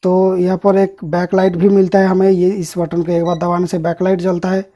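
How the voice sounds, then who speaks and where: A man's voice: sits high, completely flat delivery, normal speed, mellow. A man hosting an electronics channel, casually unboxing and reviewing a device and explaining each part to viewers as he handles it.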